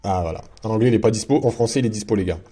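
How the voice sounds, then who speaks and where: A man's voice: fairly low pitch, very fast, warm tone. A man giving a casual screen-share tutorial as a video host, talking in a chatty way with many fillers and restarts.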